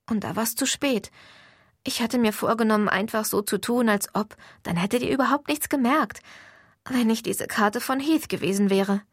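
Woman with a gravelly audiobook voice. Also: on the high side, no room sound, clean studio sound. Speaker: audiobook narrator. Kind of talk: first-person audiobook reading.

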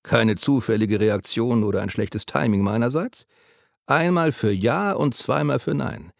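A man voicing a gentle, chatty caretaker who speaks soothingly to a patient. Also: mid-range voice, measured pace, gravelly, dry recording, studio quality. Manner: soothing, patient, overly talkative.

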